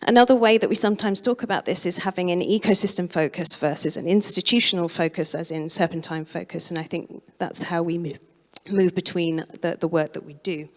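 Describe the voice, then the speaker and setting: A woman giving a conference keynote, her voice going hoarse, speaking in a measured way and correcting herself as she goes. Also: lowish voice. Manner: measured, self-correcting presentation. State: losing her voice. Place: museum auditorium. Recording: long reverb of a lecture hall.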